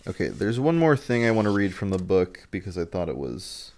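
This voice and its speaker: A man hosting a casual book discussion. He speaks hesitantly and pauses often, his voice low and gravelly with a lot of fry. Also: sing-song, darkish tone. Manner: hesitant, with frequent pauses and fillers. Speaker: podcast host discussing a book.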